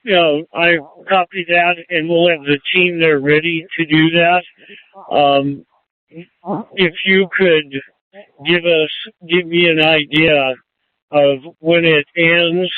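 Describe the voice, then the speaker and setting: Man, security officer, heard over a two-way radio, slightly high voice, tinny dry sound. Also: fairly even intonation, slow. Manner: clipped, matter-of-fact radio reports. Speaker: officer at a rally security post. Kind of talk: radio dispatch traffic.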